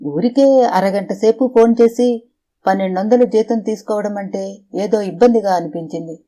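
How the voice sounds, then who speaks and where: A woman reading a shy young woman employee in an audiobook, speaking quietly and briefly. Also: mid-range voice, moderate pace, close to an everyday voice. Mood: hesitant.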